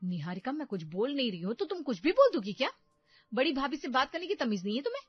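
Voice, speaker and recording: A woman's voice: sits high, sing-song, quick pace, slightly rough, dry recording, dull audio, voice pushed up, exaggerated voice. Woman voicing a proud cartoon daughter-in-law, snapping back, dry recording. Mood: angry. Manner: sharp, defensive. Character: proud young daughter-in-law, quick to anger.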